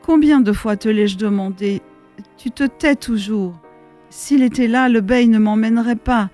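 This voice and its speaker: A woman's voice: on the high side, measured pace, dark tone, soft background music, pitched above the performer's own voice, close to an everyday voice. A woman voicing a priest's desperate young daughter who is crying and pleading in an anguished, raised voice in a storybook reading.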